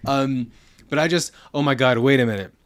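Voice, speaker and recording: A man, chatting casually as a podcast co-host. His voice sits in an ordinary middle pitch, and he rambles along, restarting his sentences as he goes. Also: fairly quick. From New York. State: holding a newborn. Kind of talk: casual chat.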